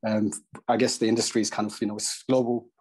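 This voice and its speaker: A young man from Eritrea, asking a question on a video call through earphones, hesitant and halting with many fillers. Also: on the low side, flat delivery, darkish tone, husky. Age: young adult. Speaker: audience member asking a question. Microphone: earphone mic.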